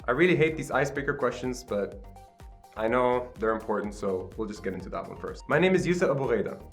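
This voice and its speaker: A man in his late twenties from Qatar hosts his own channel, talking casually to the camera in an upbeat, self-deprecating way and often tagging sentences with "right?" His voice is mid-range, animated, and quick. Soft music plays behind him, and the camera mic gives mediocre home-recorded sound, which he admits is poor.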